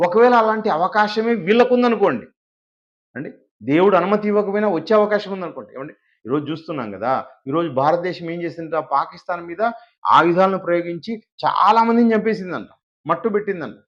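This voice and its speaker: Male preacher from India, live sermon, emphatic, fairly high voice, muffled lo-fi sound. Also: expressive, a little fast. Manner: emphatic, rhetorical questions to listeners. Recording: dull lo-fi recording.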